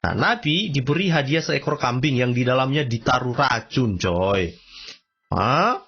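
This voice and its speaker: A man giving casual commentary and reading texts aloud, slangy and emphatic, often jumping high in pitch to stress a point. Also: expressive, a little slow, fairly bright tone, slightly rough. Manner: slangy, emphatic, repeats "coy", frequent sudden high-pitched exclamations. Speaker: religious commentator. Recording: dull lo-fi recording.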